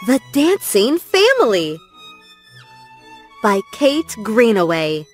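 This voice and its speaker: A woman reading children's stories and rhymes in a gentle, lilting way. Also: a little high, huge pitch swings, slow pace. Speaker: storyteller. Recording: soft music under voice.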